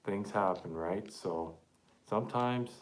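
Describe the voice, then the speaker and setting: Low-voiced man chatting while repairing. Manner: chatty, halting, talks to viewers while working. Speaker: live-streaming accordion repairer. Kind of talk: casual live-stream repair commentary.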